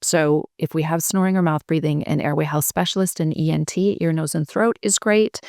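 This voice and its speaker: A woman's voice: fairly low pitch, darkish tone, clean tone, no room sound, clean studio sound. A woman sleep coach giving earnest advice to parents in a podcast interview, now and then quoting them. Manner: earnest, advising parents, quotes them in voices.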